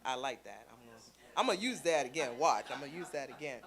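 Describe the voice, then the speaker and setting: A woman from Canada speaking to a church congregation, telling stories with playful asides in a lively sermon. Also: extremely low pitch, fast. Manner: chatty storytelling with playful asides.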